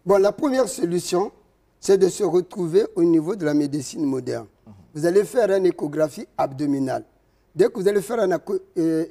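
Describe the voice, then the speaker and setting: A man, a traditional healer interviewed as a guest, explaining slowly and step by step with hesitations. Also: on the high side, mellow. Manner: slow, didactic, explaining step by step with many hesitations.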